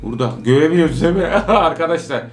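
A man giving excited let's-play commentary on a horror game, joking as a worried father and repeating words in bursts. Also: on the high side, fast talker, reverberant, soft background music. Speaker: gamer playing a horror obstacle game.

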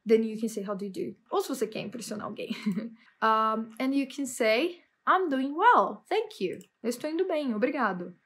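Woman, English teacher, enthusiastic, fairly high voice. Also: moderate pace, slightly rough. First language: Portuguese. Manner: lively, enthusiastic, switches between languages. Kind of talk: bilingual English lesson.

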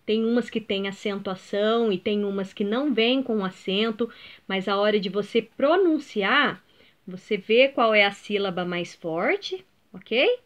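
A woman's voice: medium pitch, lively intonation, measured pace. A Brazilian Portuguese-speaking woman teacher giving a video lesson to schoolchildren, patiently sounding out words and checking that her pupils follow along. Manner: explains step by step, checks in with "ok?" and "entenderam?".

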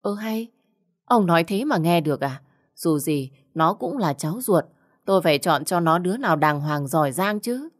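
A woman voicing a sharp-tongued, jealous middle-aged wife in a storybook reading. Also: expressive, moderate pace. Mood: accusing. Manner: shrill, accusing.

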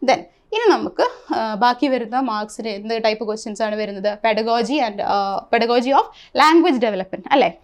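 A woman's voice: on the high side, a little mellow. A woman teacher with a Malayali accent explaining an exam syllabus, often asking rhetorical questions as she goes.

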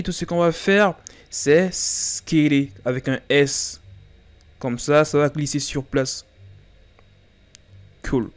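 A man hosting a beginner 3D modelling tutorial, talking casually with fillers and self-deprecating jokes over a screen recording. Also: on the high side. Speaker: Blender tutorial host.

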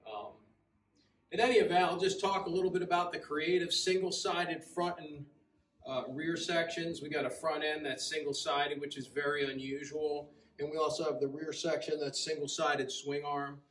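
A man in his forties talks through a custom bike in an easy, conversational way, with plenty of ums and uhs. His voice sits a little high. The camera stands a few feet off in a large metal-walled showroom, so the sound is roomy and echoing, with a faint hum behind it. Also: fairly bright tone. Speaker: custom motorcycle builder, shop owner. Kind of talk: casual walkaround shop tour. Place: large indoor motorcycle showroom with metal walls. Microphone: camera several feet away. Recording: roomy echo, distant mic, faint room hum.

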